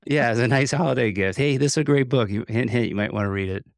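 A man's voice: mid-range voice, fast, no echo, clean studio sound. An American man hosting a podcast, chatting casually with a guest. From United States. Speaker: podcast host. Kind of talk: casual interview chat.

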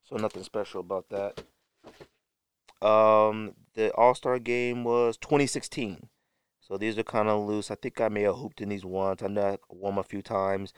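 Hosting a sneaker podcast, a man talks casually and unscripted to the camera in a show-and-tell style, rambling a little and correcting himself as he shows things. His voice is lowish with a steady tone and a moderate pace. The recording is clean and dry.

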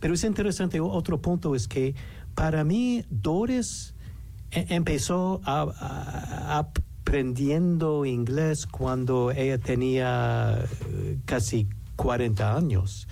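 With a medium-pitched, creaky and dark voice, this American guest speaks English haltingly in a relaxed interview. He hesitates a lot and frequently starts his sentences over.

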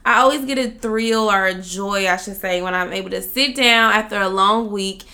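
A cheerful woman hosts her podcast in an upbeat, chatty way. Her voice is bright and forward, with a gravelly edge at the ends of her phrases. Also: mid-range voice, normal speed. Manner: upbeat, chatty, addresses listeners as y'all. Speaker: podcast host. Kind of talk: casual podcast talk with read ad.

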